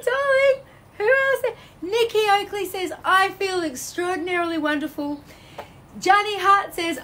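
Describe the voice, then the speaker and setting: A woman hosting a live stream as a psychic medium, reading out viewer comments with bubbly, effusive energy that swings between high exclamations and low soothing tones. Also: a bit bright. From Australia.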